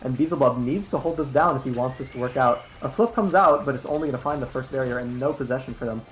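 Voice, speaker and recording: A co-caster calling an esports match live in a steady, explanatory way. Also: mid-range voice, fast, slight background noise, poor audio. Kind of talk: live play-by-play commentary.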